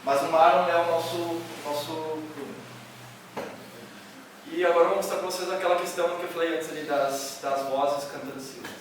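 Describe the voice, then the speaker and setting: A man explaining music to students in a loud, nearly shouting voice, full of fillers and restarts. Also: on the high side, fairly even intonation, fairly quick, a little hiss or hum. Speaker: music workshop instructor. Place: large echoey hall. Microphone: camera from a distance. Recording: echoey hall recorded from far off.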